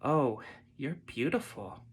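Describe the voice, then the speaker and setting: A man voicing a clumsy, out-of-breath farmer who coaxes a horse, in a soft whispered role-play. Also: mid-range voice, big pitch swings, slow, husky, exaggerated voice. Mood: coaxing. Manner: coaxing, panting.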